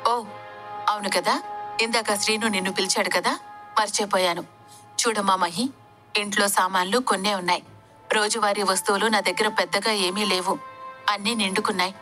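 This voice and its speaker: A woman's voice: mid-range voice, fairly even intonation, moderate pace, long pauses, pushed and bright, soft background music, close to an everyday voice. Trilok, a woman reading as a kindly old man. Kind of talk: audiobook story reading.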